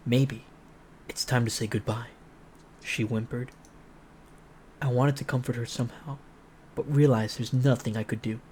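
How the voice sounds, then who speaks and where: A streamer reads a visual novel aloud, moving between dramatic narration and playful, joking commentary. His voice is medium-pitched and darkish, with a little hiss or hum on the recording.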